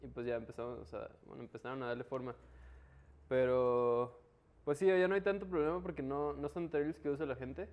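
A man's voice: medium pitch, fairly even intonation, normal speed, muffled recording. A man with a Mexican Spanish accent explaining things in a casual, slangy conversation. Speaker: interview guest, local trail biker.

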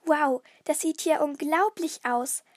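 A woman's voice: sits high, slow, dry recording, clean studio sound. A woman voicing a keen young boy detective in a storybook, thinking aloud.

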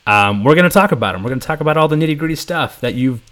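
A man's voice: on the high side, animated, racing, fairly bright tone. A man hosting a casual podcast interview over a video call, joking and laughing often. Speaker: podcast host.

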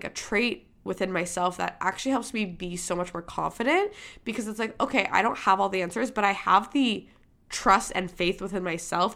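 A young woman from Michigan, USA, hosts a podcast with a casual motivational monologue, speaking candidly and emphatically and swearing freely. Her voice is fairly low in pitch with a fairly bright tone.

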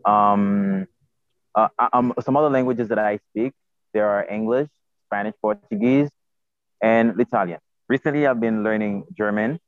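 A self-taught polyglot, a native Haitian Creole speaker with a Haitian accent, answers a podcast's interview questions over a tinny, phone-like line with a dry sound and no room noise. His voice is slightly low and moderately paced, and he hesitates, repeating words while searching for the next one.

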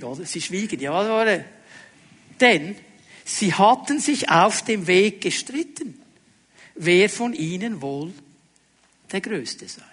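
Man, pastor, sermon, high voice, rhetorical questions, hushed emphasis. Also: slightly rough. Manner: expressive preaching, drops to quiet lowered tones for emphasis; addresses the congregation directly with rhetorical questions.

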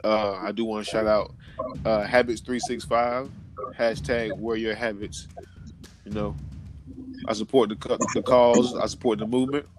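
A man's voice: lowish voice, steady tone, normal speed, a little hiss or hum. A man co-hosting a casual podcast, sounding stuffy and congested from a cold, talking loosely with slang and fillers. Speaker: podcast co-host.

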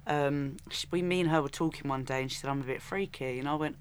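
A woman's voice: deep voice, fast, slight background noise. A woman, a podcast guest, telling anecdotes casually in a slightly hesitant, matter-of-fact way.

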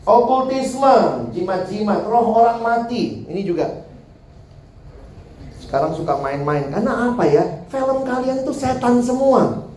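High-voiced joking preacher in an echoey hall. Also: male voice, big pitch swings, measured pace, darkish tone. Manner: jokey, laughs at his own jokes. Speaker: youth preacher. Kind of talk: humorous sermon. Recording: roomy hall sound with faint background noise.

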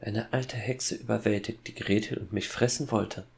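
A man voicing a calm, cold young boy who quietly threatens his father in a horror fairy-tale audiobook. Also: on the low side, moderate pace, creaky. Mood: cold menacing.

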